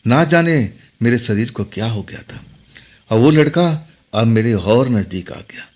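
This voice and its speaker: A man's voice: medium pitch, lively intonation, measured pace, a little mellow. A man narrating a horror story in the first person, dramatic and tense.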